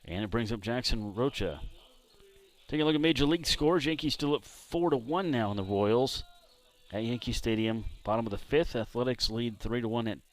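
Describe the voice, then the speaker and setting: A man from San Diego doing play-by-play commentary for a baseball game, chatting between pitches. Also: moderate pace. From San Diego, California. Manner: relaxed, chatty between pitches, jumps up loud on big hits. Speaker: play-by-play announcer.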